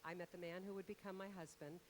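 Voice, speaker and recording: A woman's voice: lowish voice, fairly even intonation, fast, a little hiss or hum. A middle-aged woman, a radio host, emceeing from an outdoor concert stage into a handheld mic, chatty and full of thank-yous.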